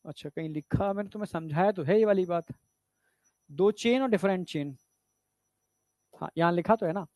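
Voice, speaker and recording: Recorded dry and at studio quality on a lapel mic, a man with a high but darkish voice teaches a biology exam-prep lecture at a moderate pace. He's chatty, repeats "theek hai" often, and asks students whether they're following.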